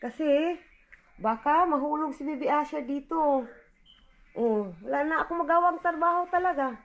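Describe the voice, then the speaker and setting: A woman's voice: sits high, normal speed, lo-fi sound. A Filipino-accented woman vlogging at home with her toddler, chatting casually to viewers and cooing at her baby. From Philippines. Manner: chatty, calls viewers "day" and "inday"; soft coaxing baby talk. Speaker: vlogger mom. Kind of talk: casual chat to camera.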